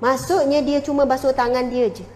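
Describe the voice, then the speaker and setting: High-voiced Malaysian woman preacher, hall reverb. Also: a little fast, slight background noise. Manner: lively, acts out household dialogue. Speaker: female religious teacher. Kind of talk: religious lecture to women.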